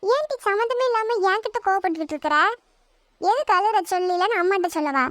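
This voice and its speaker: A pestering little sister from a cartoon, whiny and tattling, as a woman puts her on. The voice sits very high. It is recorded close and dry. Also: moderate pace, no echo. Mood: nagging, tattling. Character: bratty nosy little sister girl. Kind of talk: cartoon voice acting.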